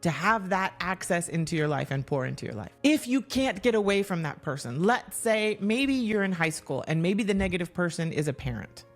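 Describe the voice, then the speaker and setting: A woman hosting a podcast, giving an earnest motivational monologue with repeated exhortations, slowing and dropping low on key points. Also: expressive, soft background music. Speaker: podcast host.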